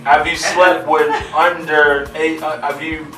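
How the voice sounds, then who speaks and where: A man joins a casual talk show as a guest, joking and laughing through his points. His voice is slightly high for a man and sounds distant in a roomy space, with faint music behind. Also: measured pace. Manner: joking, laughs while talking, animated. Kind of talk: casual debate chat.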